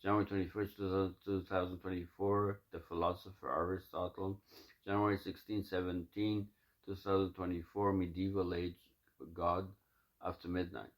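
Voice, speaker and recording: A man recording himself talking through his plans and then reading aloud from his own notes, halting and full of fillers and restarts. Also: deep voice, little pitch movement. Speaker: self-recording reader of his own writings.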